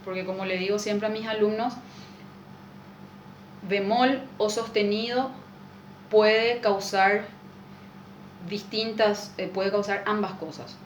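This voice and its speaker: A woman's voice: mid-range voice, fairly even intonation, takes it slowly, pauses often. A woman, a music teacher patiently explaining a lesson and checking in with rhetorical questions. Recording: echoey room with faint noise.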